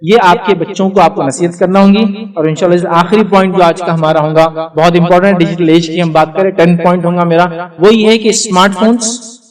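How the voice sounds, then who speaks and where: A man's voice: high-pitched, fairly even intonation, brisk, far from the mic. A man giving an earnest parenting talk to an audience, often putting questions to the listeners. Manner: earnest, asks the audience questions, mixes in English words. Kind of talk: speech to an audience.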